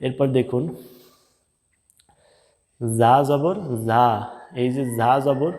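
Male Quran reading teacher, mid-pitched, patient syllable drills, recorded in a room with a long echo tail. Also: dark tone. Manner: repeats syllables slowly, explains mouth and breath placement. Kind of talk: step-by-step pronunciation lesson.

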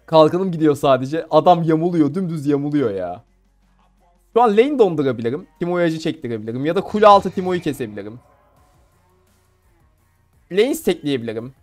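A young man from Turkey giving casual, playful commentary on his own gameplay, laughing and talking to viewers. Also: a little high. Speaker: gamer streamer.

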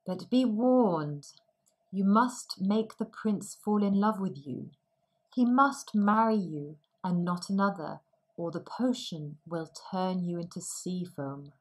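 A woman voicing an old sea witch who gives slow, weighty warnings. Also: fairly low pitch, darkish tone. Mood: ominous.

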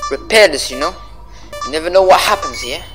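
A woman's voice: sits low, expressive, a little fast, over music. Woman doing a cocky street guy. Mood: brash. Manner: loud taunting outbursts, slangy, bossy. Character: brash young British street guy, trash-talking gamer. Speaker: gamer. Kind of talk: playing a video game on camera.

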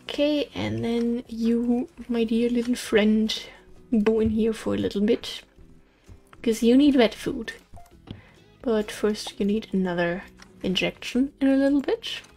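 A young woman in her twenties hosts a gaming channel, offering casual let's-play commentary in a fairly high, warm voice. She's chatty and tells stories, slipping in giggly asides, recorded on a USB condenser mic.

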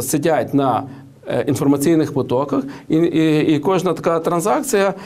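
A man's voice: on the high side, darkish tone. A man giving political and economic commentary in an interview, who hesitates with many fillers and restarts and tells anecdotes. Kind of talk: studio interview.

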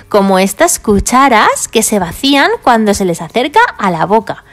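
A woman presenting toys and explaining them cheerfully to children. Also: fairly high pitch. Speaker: toy video presenter. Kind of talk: toy play and review for children.

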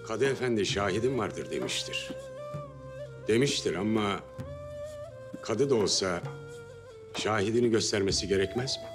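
An earnest middle-aged guild sheikh, addresses others in a historical drama. His voice is fairly low and moves widely between calm counsel and firm admonishing. Music runs underneath. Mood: troubled, respectful. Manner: measured, admonishing, commanding when needed. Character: earnest male guild sheikh leading a council.

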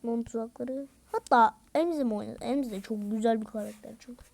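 A woman doing casual gameplay commentary, excitable and slangy, yelling at teammates in bursts. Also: on the high side, quick pace. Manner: slangy, rough-talking banter. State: out of breath. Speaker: gaming video creator. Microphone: screen-recorded game commentary mic.

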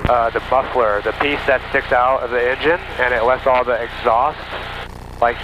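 Guy pilot chatting in a bush plane cockpit, headset mic, average pitch, engine droning behind him. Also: steady tone, normal speed, highs cut off. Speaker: pilot and vlogger. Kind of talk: casual vlog chat. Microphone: aviation headset. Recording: noisy small propeller plane cockpit.

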